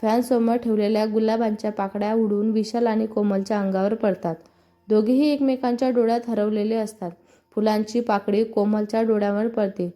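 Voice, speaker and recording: A woman with a Marathi accent reading a scripted story aloud, voicing all the characters' lines in her own even narrating voice. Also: medium pitch, a little fast. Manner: reads all parts in one even narrating voice.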